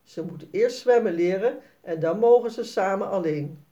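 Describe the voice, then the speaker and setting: A woman narrating a children's story read aloud in a clear storytelling manner. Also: medium pitch, moderate pace, dark tone, highs cut off.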